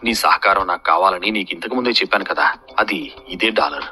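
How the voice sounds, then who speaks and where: A man's voice: low voice, a little fast, sharp tone, full character voice. A man reading the lines of a scheming young warrior woman from a fantasy story, in a plain storytelling voice. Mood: sly.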